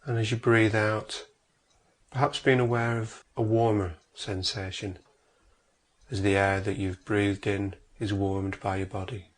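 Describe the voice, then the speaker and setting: A fairly low-voiced man delivers a guided meditation in a flat, very slow manner. Each measured instruction is followed by a long pause before the next phrase.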